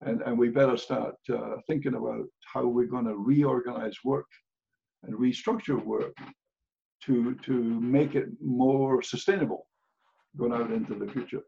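A man's voice: mid-range voice, fairly even intonation, a little slow, gravelly, dark tone, highs cut off. An older man with a Scottish accent, speaking as a guest in a casual podcast interview, blunt and plain-spoken with dry humor. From Scotland.

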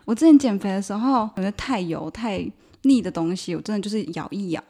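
A woman's voice: mid-range voice, fast, mellow. A woman with a Taiwanese accent and slightly lisping, slurred speech from wearing braces, chatting casually and playfully as a podcast co-host. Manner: playful, laughs often. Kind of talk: casual chat.

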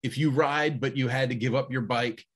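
A man's voice: medium pitch, fairly even intonation, moderate pace, a bit bright, breathy edge. A man hosting a podcast interview, chatty and upbeat, wrapping up with a guest. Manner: chatty, laughing, plugs the guest. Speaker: podcast host. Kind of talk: casual interview chat.

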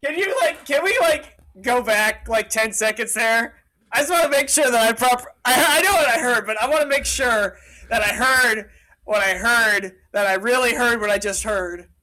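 Excitable male co-host who interrupts and shouts. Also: very high voice, normal speed, poor audio. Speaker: podcast co-host. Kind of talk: casual comedic chat.

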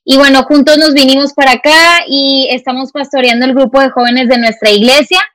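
High-pitched young woman, northern Mexican accent. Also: steady tone, brisk, fairly bright tone, dry recording. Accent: northern Mexican, Monterrey. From Monterrey, Mexico. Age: 20s. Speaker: podcast guest. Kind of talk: casual conversational interview. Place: remote call recording.

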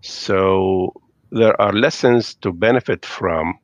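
This deep-voiced, middle-aged Lebanese man speaks slowly and thoughtfully, hesitating and using fillers, with slightly non-native phrasing. He's a podcast guest interviewed remotely from home over a video call. The audio is lo-fi with no echo.

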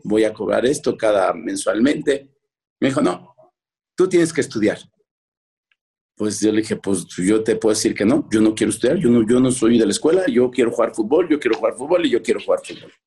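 Husky Mexican man telling old stories. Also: fairly low pitch, animated, a little fast, darkish tone. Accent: Mexican Spanish. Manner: rambling with many restarts, acts out his parents' voices. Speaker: former footballer, guest. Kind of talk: casual interview storytelling.

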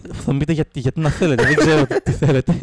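A man's voice: a little high, fairly even intonation, no room sound. A man co-hosting a podcast, telling a long story in casual chat and often restarting his sentences. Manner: rambling storyteller, many restarts. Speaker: podcast co-host.

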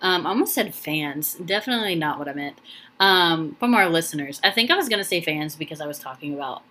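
A young woman with a low voice talks through a casual podcast on her own. She rambles warmly, full of ums and restarts, and sounds emotional, close to tears. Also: lively intonation, a little fast. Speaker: podcast host. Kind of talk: casual solo podcast talk.

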